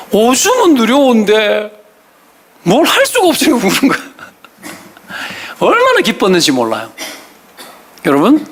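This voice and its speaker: A middle-aged man with a Gyeongsang Korean accent, preaching a Sunday sermon as pastor and acting out nagging parents in quick voices. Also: high-pitched, fairly bright tone.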